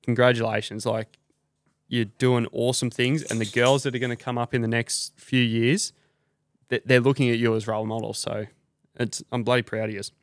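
A man's voice: medium pitch, flat delivery, normal speed, no room sound. An Australian man hosting a podcast, ranting casually with blunt, sweary slang. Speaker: podcast host.

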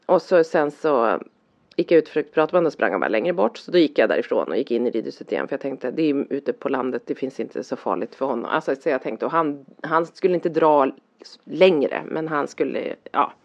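A middle-aged woman, a parent, chatting casually and rambling through a story, acting out the lines people said. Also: a bass voice. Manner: rambling, animated, acts out quoted lines. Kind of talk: casual chat. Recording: dull lo-fi sound.

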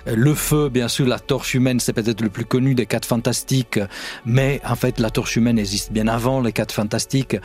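A man giving conversational analysis on a podcast in a halting, self-repeating way. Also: mid-range voice, steady tone, darkish tone, faint music behind. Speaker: podcast commentator.

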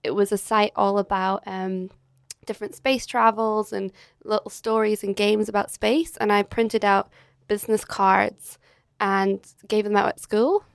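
A woman's voice: medium pitch, level tone, unhurried, creaky, no room sound, studio quality. A Scottish woman in her thirties, telling stories as a chatty interview guest who laughs often. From Scotland. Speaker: guest, agency director. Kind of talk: casual interview chat. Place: hotel.

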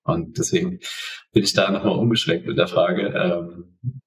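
A man's voice: sits low, normal speed, reverberant, far from the mic. A man hosting an interview conversationally, his voice sounding robotic through a poor microphone. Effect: robotic-sounding audio. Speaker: podcast host and interviewer. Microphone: wrong, poor-quality microphone.

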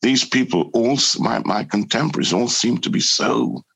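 A man from Newcastle with a Geordie accent, an actor reflecting in an interview, thoughtful and halting, often repeating words as he finds his thought. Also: medium pitch, vocal fry, fairly bright tone, low-quality recording. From born in Trinidad, grew up in Newcastle.

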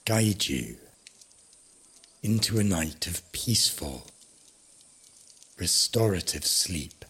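Husky, very slow man gravely telling myths. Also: sits low, lively intonation, sharp tone. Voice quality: husky, breathy. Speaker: sleep story narrator. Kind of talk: scripted bedtime narration of an ancient myth.

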